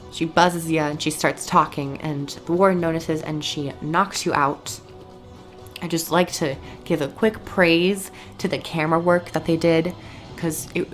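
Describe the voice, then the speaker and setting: A woman casually and enthusiastically recapping a video game story as a reviewer, rambling a little and sounding tired. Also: deep voice.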